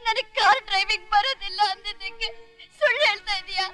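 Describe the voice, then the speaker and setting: A high-pitched young wife, pleading, tearful, wild swings in pitch, melodramatic film scene, score behind. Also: female voice, expressive, normal speed. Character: young wife pleading, wrongly accused, emotional. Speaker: film character. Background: film score music.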